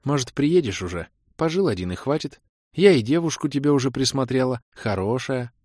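A man's voice: mid-range voice, animated, darkish tone, no room sound, clean studio sound, voice pushed up, natural voice. A man voicing a worried middle-aged mother who nags and fires off anxious questions. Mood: fretful. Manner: anxious, nagging, rapid questions.

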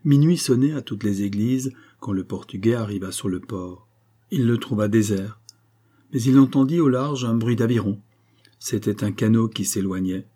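A man narrating a classic novel as an audiobook reader, in a steady, even storytelling manner. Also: on the low side, moderate pace, slightly rough.

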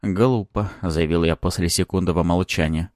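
A man narrating a first-person audiobook in a low voice, calm and understated yet with lively, shifting intonation. His delivery is dry and plain. The recording is close and dead, with no echo. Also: a little fast.

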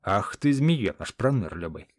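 Man doing a booming gruff giant warrior. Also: sing-song, measured pace, a little mellow. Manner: booming and rough.

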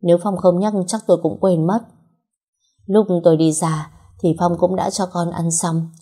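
A young woman narrating a first-person story in a measured, steady way. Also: lowish voice, husky.

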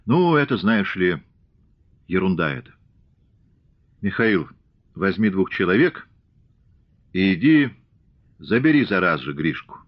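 Man voicing a stern commissar, curt, commanding, low voice, dry dull audiobook recording. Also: sing-song, unhurried, long pauses, exaggerated voice. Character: stern middle-aged male revolutionary commissar.

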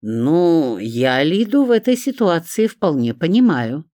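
A reader voicing Ivan Timofeevich, a stately older man and editor who speaks in a measured, sedate, lecturing way. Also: medium pitch, big pitch swings, mellow, no echo, studio quality.

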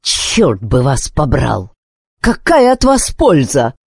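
A man reading an audiobook voices a proud, quick-tempered aristocratic husband who speaks harshly and accusingly. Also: fairly high pitch, very animated, warm tone, slightly rough, no room sound, studio quality, exaggerated voice. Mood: furious.

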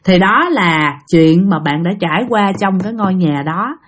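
A woman's voice: fairly low pitch, expressive, moderate pace, a little hiss or hum. A woman with a Southern Vietnamese accent and a slight cough, hosting a ghost story channel and telling stories in a casual, chatty way that often speaks straight to her listeners. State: has a cough.

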